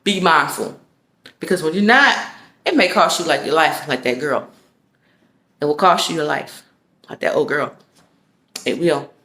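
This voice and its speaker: A woman's voice: low voice, expressive, a little slow, long pauses, bright, forceful tone, roomy sound. A woman vlogger delivering a casual motivational rant, emphatic and slangy, repeating her phrases for effect.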